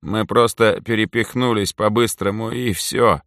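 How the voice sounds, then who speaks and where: A man voicing Mitka, a nervous and gruff young man, in a raised, tense voice in an audiobook. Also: fairly low pitch, fairly even intonation, a little slow, a bit bright, dry recording, studio quality.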